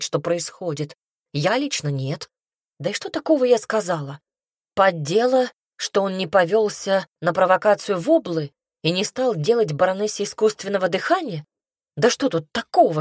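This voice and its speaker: A woman reading a first-person audiobook, telling the story in a lively, ironic way. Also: medium pitch, moderate pace, no echo, clean studio sound. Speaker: audiobook narrator.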